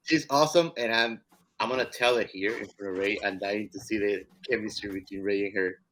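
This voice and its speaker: A man's voice: fairly low pitch, a little fast, fairly bright tone, a little hiss or hum. A man co-hosting a podcast in loose, joking casual chat. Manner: playful, joking, trails off into slang. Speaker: podcast co-host.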